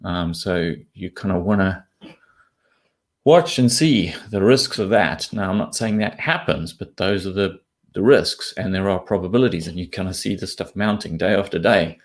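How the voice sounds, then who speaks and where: As a guest on an interview, a man from southern Africa who comments on investments explains his views. His low voice keeps a moderate pace, and his talk is blunt and informal, with swearing tossed in casually.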